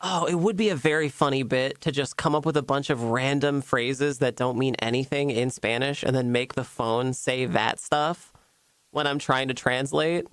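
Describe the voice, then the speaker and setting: A man's voice: medium pitch, fairly even intonation, a bit bright, clean tone, no room sound. Chatty man streamer with a dry close sound. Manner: rambling, halting, laughs often. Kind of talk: casual stream chat.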